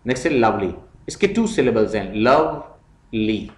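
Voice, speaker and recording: A male English teacher explains grammar in a mix of Hindi-Urdu and English. He reads English examples slowly and repeats each word. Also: medium pitch, expressive, echoey room. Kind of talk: recorded classroom lesson.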